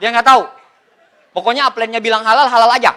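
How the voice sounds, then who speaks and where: A man telling a comic story to a seminar audience as a motivational speaker, animated and exclaiming, acting out what others said. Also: very high-pitched, quick pace, a faint crowd. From Indonesia.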